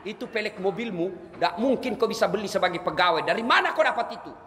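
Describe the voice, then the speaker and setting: A male preacher voicing a stern heavenly interrogator who demands answers in a sharp, mocking way. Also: high voice, animated, quick pace, voice pushed up. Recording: reverberant hall with faint noise.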